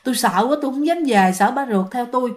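A woman voicing a frightened middle-aged woman cake seller who pleads in hushed, breathless words. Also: on the high side, lively intonation, fast, lightly acted. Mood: frightened pleading.

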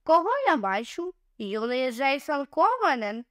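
A woman voicing a sly, mocking female villain in a storybook reading, with a shrill, taunting delivery. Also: sing-song, measured pace, no echo, studio quality.

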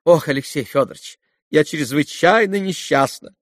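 A man's voice: a little high, moderate pace, dry recording, studio quality, pitched above the performer's own voice, close to an everyday voice. A man voicing a nervous, gushing middle-aged mother in an audiobook, with breathless, theatrical fretting. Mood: fretful gushing. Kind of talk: audiobook character reading.

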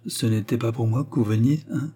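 A man's voice: medium pitch, dark tone, breathy edge, lightly acted. A man voicing a scheming, persuasive older society lady who coaxes a shy suitor. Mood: coaxing. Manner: coaxing, insinuating, brisk.

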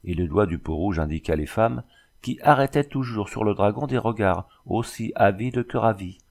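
A man reading a classic novel aloud in a measured audiobook narration. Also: on the low side, vocal fry, darkish tone.

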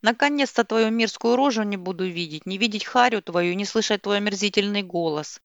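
A woman's voice: medium pitch, fairly quick, vocal fry, no echo, natural voice. A woman playing a spiteful screaming young mother. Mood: furious. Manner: screaming insults. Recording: dull dry lo-fi recording.

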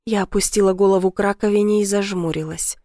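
A woman's voice: medium pitch, fairly even intonation, fast, dark tone, dry recording, clean studio sound. Woman reading intimate first-person narration. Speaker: audiobook narrator.

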